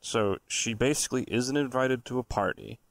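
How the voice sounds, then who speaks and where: This male podcast co-host speaks at medium pitch and normal speed with a creaky edge, recorded with no room sound. He trades casual banter and stories, bluntly, emphatically and with plenty of swearing.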